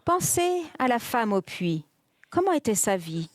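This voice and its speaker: A woman giving a steady, measured interpretation of a religious conference talk. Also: on the high side. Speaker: simultaneous interpreter of a conference speaker.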